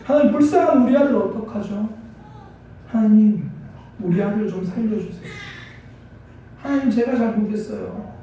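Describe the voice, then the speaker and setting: A man's voice: high voice, normal speed, long pauses, warm tone, a little hiss or hum, natural voice. A male pastor voicing a grieving mother who pleads and repents in prayer, in a hall with heavy echo. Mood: tearful pleading. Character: grieving mother praying in tears. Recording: echoey church hall from far off.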